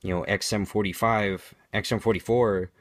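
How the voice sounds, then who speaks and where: A man's voice: on the low side, steady tone, normal speed, dry recording. A man giving an unscripted product demonstration in a matter-of-fact, explanatory way, as a reviewer.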